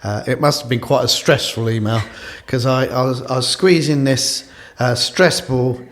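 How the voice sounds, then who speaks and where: A man's voice: mid-range voice, moderate pace. A man hosting a casual podcast, chatty and rambling, with lots of fillers and restarts. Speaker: podcast host and company CEO. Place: office studio with a coffee table.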